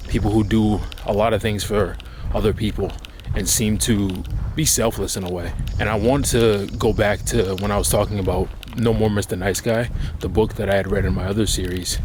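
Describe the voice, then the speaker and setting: Male vlogger, lowish voice, reflective casual advice delivered while walking outside, with clear city and traffic noise. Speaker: vlogger giving life advice. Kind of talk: casual reflective talk to camera. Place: outdoors on a walk. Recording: outdoor city ambience, clear background noise. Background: outdoor urban noise, vehicles.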